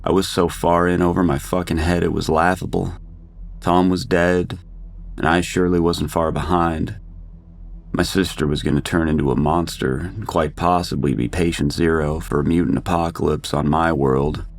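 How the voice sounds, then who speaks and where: A man narrating a first-person horror story in a steady, grim manner. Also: sits low, moderate pace, creaky, slight background noise.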